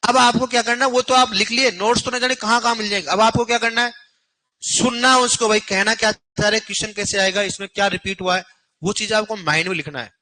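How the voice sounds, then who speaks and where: A man's voice: sits high, fairly even intonation, fast talker, bright, forceful tone, poor audio. A young man teaching an agriculture coaching class, blunt and scolding with his students.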